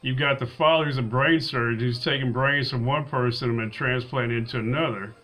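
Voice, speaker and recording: A man's voice: mid-range voice, steady tone, brisk, bright, forceful tone, low-quality recording. A man recapping a film's plot in a casual, rambling way, often restarting his sentences. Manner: rambling, with frequent restarts and fillers. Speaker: movie reviewer. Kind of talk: casual spoken film recap.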